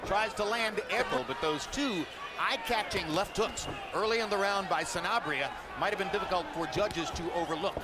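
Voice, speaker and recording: A man's voice: high voice, moderate pace. A man calling a boxing match as play-by-play commentator, articulate, wordy and emphatic. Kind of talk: live sports commentary. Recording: very noisy live arena broadcast.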